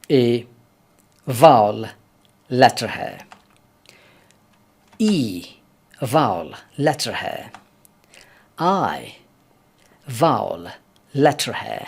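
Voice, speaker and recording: A man teaching English pronunciation, who says each sound slowly and repeats it several times for his learners. He speaks politely and encourages them to listen closely. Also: medium pitch, darkish tone. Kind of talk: explanatory language lesson.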